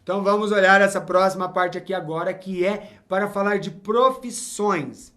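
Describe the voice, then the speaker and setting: A man from Brazil teaches English grammar in a fairly high voice. He talks directly to his viewers and keeps checking in with short "ok?" prompts. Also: moderate pace. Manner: lively, talks straight to the viewer with frequent "tá?" and "ok?". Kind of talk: explaining English grammar to learners.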